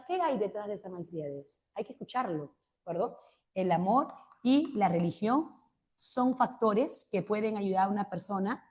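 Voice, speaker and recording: Woman, literature teacher, classroom lecture, explanatory, rhetorical checks, mid-pitched voice. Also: darkish tone.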